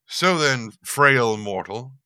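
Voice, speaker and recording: A theatrical male demon booms his titles, then turns awkward and sheepish, as a man puts him on. His voice is bright and clear in a dry, close space. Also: expressive, slow, dry recording. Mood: grandiose. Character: pompous, flustered male demon archduke.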